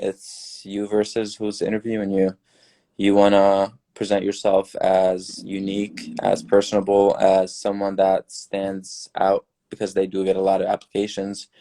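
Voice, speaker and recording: A young man from Syria, a newly graduated dentist, giving earnest, relaxed advice as a podcast guest. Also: fairly low pitch. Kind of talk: casual podcast chat.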